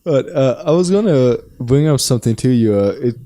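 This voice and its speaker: A man's voice: medium pitch, animated, a little fast, warm tone. A man with a northern German accent, co-hosting a casual podcast chat and rambling through his points with lots of fillers and restarts. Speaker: podcast co-host.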